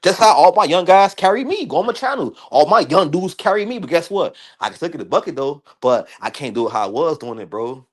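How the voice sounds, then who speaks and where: Brief: thirties man, animated debate guest, slangy and repetitive, slightly high pitch. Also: brisk, hardly any pauses. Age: 30s. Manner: animated, repeats himself, slangy. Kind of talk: casual heated sports debate.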